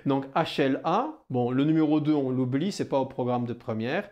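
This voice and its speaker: A man with a southwestern French accent teaching biology in a lively video lesson, talking straight to the viewer and answering his own questions. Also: medium pitch, normal speed, lo-fi sound. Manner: animated, addresses the viewer as "kid", rhetorical questions.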